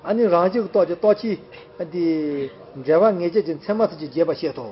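A man with a high-pitched voice talks casually, circling back over the same phrases with many fillers. The sound is dull and lo-fi, like an old home recording. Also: fairly quick, a little hiss or hum. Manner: rambling, repetitive, many fillers. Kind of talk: casual chat.

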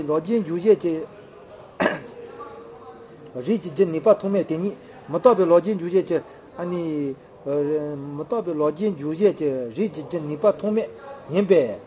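A man's voice: fairly high pitch, unhurried. A man in casual chat, rambling and repetitive, full of fillers, on a dull lo-fi recording.

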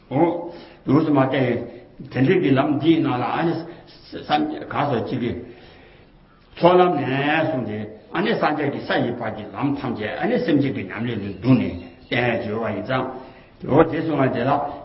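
A man talking casually and at length, rambling and repeating himself, with many fillers and rhetorical asides. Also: mid-range voice. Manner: rambling and repetitive, often circling back to the same phrases; colloquial, with frequent fillers and rhetorical questions. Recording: roomy, dull lo-fi recording.

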